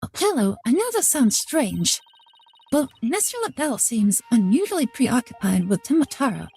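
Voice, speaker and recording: A woman's voice: fairly high pitch, very animated, normal speed, dark tone, husky, faint music behind, full character voice. A woman reading aloud as an earnest young female lawyer who explains what she hears. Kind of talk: reading game dialogue aloud.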